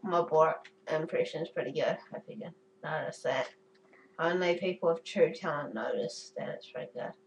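A woman's voice: sits low, moderate pace, far from the mic, a little hiss or hum, rough recording. A woman giving chatty, goofy commentary while playing a game, cursing and giggling at her own jokes. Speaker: gamer. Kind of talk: casual gameplay commentary.

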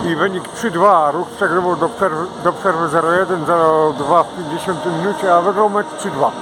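A man's voice: on the high side, a little fast, over music. A middle-aged man with a Silesian accent doing casual street interviews with football fans. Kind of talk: casual vox-pop interviewing. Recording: noisy outdoor street, traffic hum.

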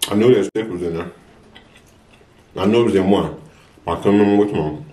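A young adult American man, a mukbang vlogger, talks casually to the camera while eating, handing out emphatic, preachy advice and repeating phrases. His voice is low and warm, his pace brisk, and the recording has a roomy echo.

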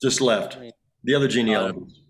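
A man's voice: fairly low pitch, brisk. A man in his sixties hosting a video call class reunion, keeping the conversation moving and checking on who is there. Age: 60s. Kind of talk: casual video call chat.

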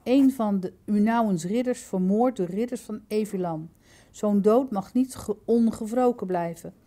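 Woman doing a severe toll lord, mellow, firm and questioning. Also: medium pitch, normal speed, lightly acted. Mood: stern. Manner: sharp, probing questions. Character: stern commanding male toll lord.

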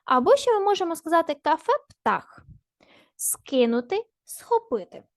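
A woman teacher giving a recorded grammar lesson to children, slowly and deliberately spelling out the parts of each word. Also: very high-pitched, sing-song, no room sound, clean studio sound.

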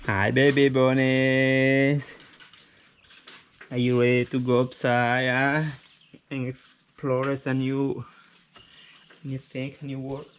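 Man softly coaxing animals outdoors. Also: mid-range voice, monotone, slow pace, pauses often, lo-fi sound. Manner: soft, coaxing, talking to animals. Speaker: farmer. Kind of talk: casual talk to animals. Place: outdoors on a farm. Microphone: handheld camera close up. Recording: noisy outdoor camera recording.

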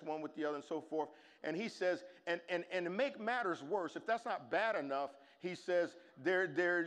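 A man's voice: sits high, a bit bright, big-room sound. A middle-aged American man preaching a sermon, emphatic, repeating phrases and dropping in colloquial asides. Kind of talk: sermon to a congregation. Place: large church stage indoors.

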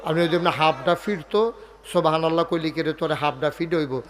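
A man's voice: on the high side, a little fast. A man preaching a humorous sermon over a microphone at a religious gathering, drawing call-and-response from the crowd.

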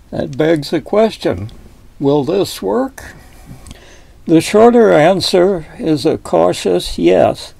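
Seated across a table from a fixed camera in a wood-panelled cabin, an older man explains boat design in an explanatory video lesson. His voice is fairly high, creaky and dark in tone, and his manner is folksy and deliberate. The recording is dry.

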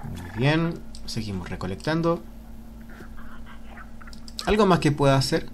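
Excitable man whooping through game commentary. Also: a little high, measured pace, slight background noise. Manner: exclamatory, whooping, cheering at the game; reads on-screen game text aloud. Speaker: let's play gamer.

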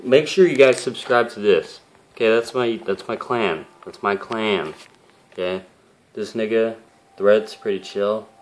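A man's voice: lowish voice, a little slow. A young man hosting his own gaming channel, talking to camera in a casual, rambling, profanity-heavy and emotional way. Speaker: YouTube gaming channel host.

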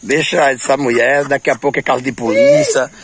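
A man's voice: medium pitch, huge pitch swings, brisk, a loud crowd. A man with a Northeastern Brazilian accent chatting and teasing his family casually outdoors, insistently repeating himself. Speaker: family vlogger behind the camera. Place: outdoors in a rural yard. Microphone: phone held by the speaker.

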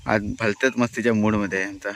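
A man from Konkan, India, giving a relaxed, chatty walking-tour narration to his viewers outdoors in a hilly forest pasture. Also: lowish voice, quick pace. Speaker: village vlogger.

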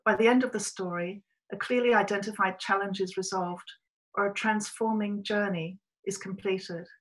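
Over a webcam in a small room, a middle-aged writer from Australia offers a prepared, reflective talk, telling her story in a measured way. Her mid-range voice keeps fairly even intonation. The recording quality is low.

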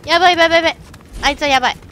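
A woman streaming a game with excitable let's-play commentary, shrieking and chatting with self-mocking asides. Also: very high-pitched, racing, a little hiss or hum.

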